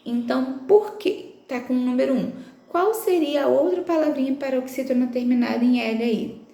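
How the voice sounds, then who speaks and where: A woman's voice: sits high, moderate pace, vocal fry, dark tone, echoey room. A woman teaching a language lesson, explaining textbook exercises patiently step by step and checking in with her students often. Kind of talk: recorded remote lesson walking through textbook exercises.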